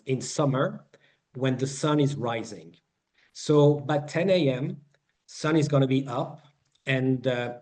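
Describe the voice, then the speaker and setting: French-accented male instructor, slow and mellow, walking through slides on a video call. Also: medium pitch. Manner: slow, explanatory, with many fillers and restarts. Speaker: sailing weather instructor. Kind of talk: online presentation lesson.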